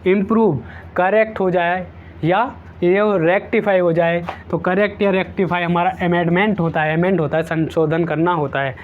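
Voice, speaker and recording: A man's voice: high-pitched, fairly even intonation, normal speed, narrow, tinny audio, a little hiss or hum. A man teaching an exam-prep vocabulary lesson, repeating each word several times and using playful memory tricks.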